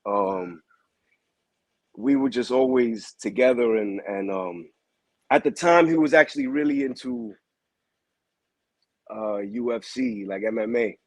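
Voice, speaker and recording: A man, a boxing manager, talking casually in a relaxed, slangy way. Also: on the low side, a little slow, pauses often, no echo. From New York. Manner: relaxed, slangy, calls people bro. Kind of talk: casual interview.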